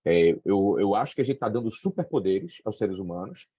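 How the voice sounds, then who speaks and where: A man's voice: on the low side, expressive, fairly quick, dark tone, breathy edge, no echo. Lo-fi middle-aged Brazilian man, panel talk. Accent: Brazilian Portuguese. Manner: conversational, many fillers and tag questions.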